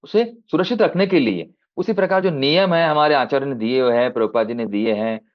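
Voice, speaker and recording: Male devotional speaker, mid-pitched, storytelling sermon over a dull video call; acts out both sides of a dialogue. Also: fairly quick. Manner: acts out a child and father in dialogue, rising high and dropping soft; mixes in English phrases.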